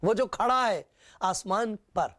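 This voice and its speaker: A man's voice: high-pitched, pushed and bright. A man preaching a sermon, retelling scripture with repetition and rhetorical questions.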